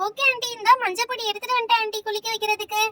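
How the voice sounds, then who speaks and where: A woman with a Tamil accent voicing an excited little girl who keeps calling out for aunty in a doll play story. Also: extremely high pitch, rapid-fire. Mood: eager. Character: excited little girl helper, chatty and nosy.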